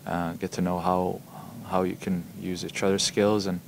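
Low, gravelly young man, halting answers. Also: flat delivery, slight background noise. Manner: halting, many ums and repeated words. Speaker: hockey player. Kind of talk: postgame press conference answers. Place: press room in front of a logo backdrop. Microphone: table microphones in front of him.

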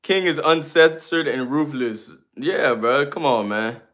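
A man's voice: mid-range voice, measured pace, fairly bright tone. A man in his twenties livestreaming, reading viewer comments aloud and answering them in loose, slangy, sometimes ranting casual chat. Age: 20s.

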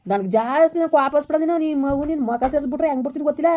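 A woman's voice: high voice, lightly acted. Woman playing a furious old village husband. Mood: angry scolding. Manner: harsh shouting threats, rapid scolding. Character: angry old village man, scolding husband. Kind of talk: village comedy skit.

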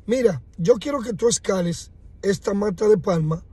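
A man's voice: sits high, normal speed, dark tone, husky, no echo. A man voicing an old gorilla king. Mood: longing. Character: aging male gorilla king, longing.

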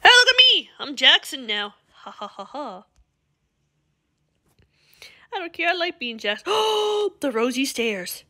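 A woman chats her way through a gameplay video in a high, bright, forceful voice. She rambles and cuts herself off mid-thought. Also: very animated, slow, long pauses. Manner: rambling, chatty, self-interrupting. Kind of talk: casual gameplay commentary.

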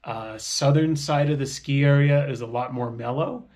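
Out in the mountains on a backcountry ski tour, a middle-aged man gives matter-of-fact, casual narration into an action camera held at arm's length on the snowy slopes. His voice is mid-range and darkish at a moderate pace, and the sound is clean, studio-like, with no echo.

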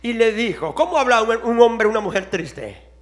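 A man preaching a sermon to his congregation, swinging between quiet questions to the audience and shouted exhortations. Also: extremely high pitch, expressive, normal speed.

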